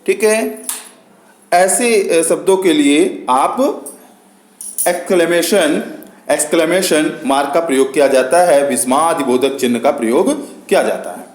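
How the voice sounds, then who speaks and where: A man's voice: a little high, expressive, measured pace, reverberant. A man with an Indian accent teaching a grammar lesson, patient and repeating each point for his students.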